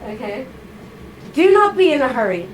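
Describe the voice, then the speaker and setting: Over a loud crowd in a live event room, a woman with a high-pitched, very animated voice reads a passage at normal speed during a writers' salon. She directs two volunteers playfully, laughing and coaxing throughout, in a noisy live room recording.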